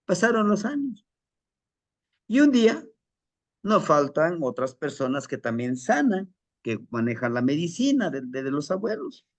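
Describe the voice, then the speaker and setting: Slow, animated storyteller man. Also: a little high, dry recording. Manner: slow, animated, with frequent restarts. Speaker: spiritual teacher. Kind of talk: storytelling lesson.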